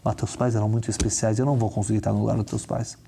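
A man voicing a tender, tearful young foster mother who speaks gently and pleadingly. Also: lowish voice, level tone, racing, vocal fry, husky, pitched below the performer's own voice.

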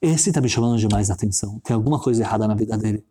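A man's voice: lowish voice, very fast, dark tone, voice pushed down, close to an everyday voice. A man doing a caring, persistent rabbi. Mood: concerned. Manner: earnest, coaxing. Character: earnest older male rabbi-activist, caring and persistent.

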